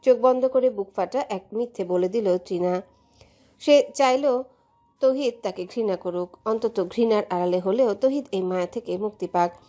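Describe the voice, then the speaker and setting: Woman narrator, mellow voice, emotive storytelling, romantic audio story. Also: mid-range voice, moderate pace, dull audio, faint music behind.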